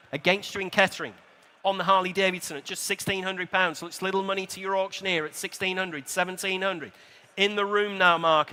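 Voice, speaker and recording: A man's voice: high voice, bright, forceful tone. A British man working as an auctioneer, calling bids in rhythmic repeated prices with polite, chatty asides to bidders. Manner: polite, courteous address to bidders. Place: large indoor auction hall at a motor show. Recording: PA voice in large reverberant hall.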